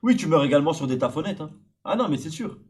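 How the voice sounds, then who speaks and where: Fast and expressive, with a somewhat high and slightly mellow tone, a Frenchman chats casually as a stream guest. Older than his host, he gives long explanations full of hesitations.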